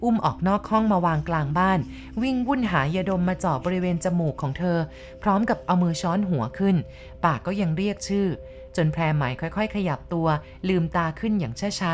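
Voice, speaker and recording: A woman narrating a ghost story in a steady, dramatic storytelling manner. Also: lowish voice, normal speed, faint music behind.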